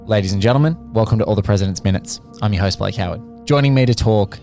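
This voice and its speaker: A man with a fairly low voice hosts in a casual, enthusiastic style. He is effusive and colloquial, and tends to ramble from one phrase into the next. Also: fast, warm tone, soft background music. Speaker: podcast host.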